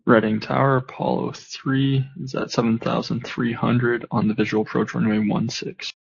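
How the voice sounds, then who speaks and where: A man with a gravelly, husky voice making pilot calls on air traffic control radio. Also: flat delivery, moderate pace. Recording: muffled low-fidelity radio audio.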